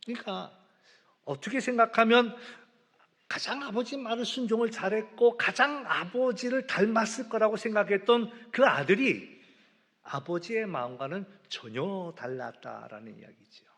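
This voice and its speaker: A man preaching a sermon as pastor, telling the story with lively swings in voice and acting out the characters' lines. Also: high voice, moderate pace. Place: church sanctuary. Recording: long church reverb.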